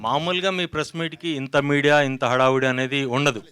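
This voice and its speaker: Male reporter, quick and crisp, persistent questioning. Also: on the high side, fairly bright tone. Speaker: journalist. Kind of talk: press conference questioning.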